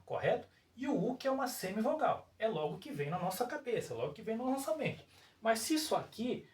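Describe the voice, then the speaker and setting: A teacher with a Brazilian Portuguese accent works through a whiteboard grammar lesson, with a pitch that rises and falls a lot. The teacher explains things step by step and keeps checking in with the viewers. The voice sounds distant, set in a roomy space with a bit of echo. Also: darkish tone. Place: room with a whiteboard. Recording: roomy echo, voice far from mic.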